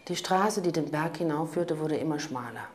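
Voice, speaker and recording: A woman narrating a crime audiobook in a calm, even manner. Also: sits low, normal speed, slight background noise. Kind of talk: scripted narration.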